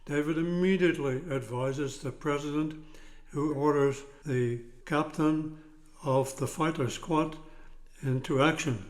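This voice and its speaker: Very slow ninety-something man. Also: fairly high pitch, fairly even intonation. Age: 90s. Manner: slow, halting delivery in short phrases. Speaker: guest summarizing a film plot. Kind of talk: reading a prepared summary.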